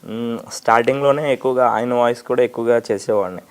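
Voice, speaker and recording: A man's voice: medium pitch, quick pace, darkish tone, clean tone. A man being interviewed as a mimicry artist, explaining his imitations in an easygoing way. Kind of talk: casual interview chat.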